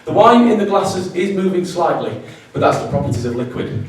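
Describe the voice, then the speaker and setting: A man's voice: sits high, big pitch swings, brisk, recorded from a distance. A man with a Yorkshire accent performing a self-mocking comic story live on stage. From Yorkshire, England. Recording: roomy live venue, from afar.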